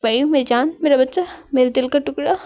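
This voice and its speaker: A woman's voice: high-pitched, a little fast, darkish tone, lightly acted. A woman voicing a fierce, protective young mother who cries out in anger and grief, on a dull lo-fi recording. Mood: tearful.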